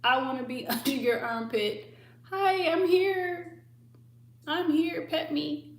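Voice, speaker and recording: A woman's voice: sits high, takes it slowly, echoey room, recorded from a distance, pitched above the performer's own voice. A woman voicing her needy male pet dog, who pesters her for attention in an eager, bouncy way. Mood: clingy.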